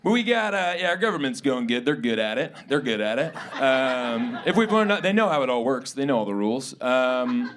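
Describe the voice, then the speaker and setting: Animated young man doing stand-up. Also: normal speed, hardly any pauses. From suburban New York. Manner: animated, jumps into high-pitched impressions. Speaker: stand-up comedian. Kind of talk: stand-up set. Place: comedy theater stage.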